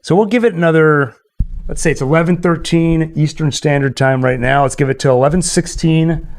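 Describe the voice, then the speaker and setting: A man with a somewhat high voice talks a little fast while hosting a laid-back livestream, trading banter, sharing stories, and running a quiz with cheeky asides to the chat. Music runs underneath.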